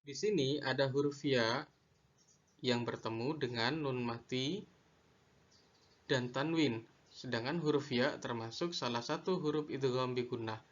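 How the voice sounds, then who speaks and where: A man teaching a lesson on Quran recitation rules, slow and deliberate, repeating each definition. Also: mid-range voice, highs cut off. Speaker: religious studies teacher.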